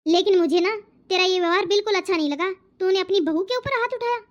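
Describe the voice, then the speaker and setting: An outspoken older aunt in a family cartoon, voiced by a woman, blunt and lecturing yet fair. Her voice is very high, and she talks at a quick clip. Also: lo-fi sound. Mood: reproachful. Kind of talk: cartoon voice acting.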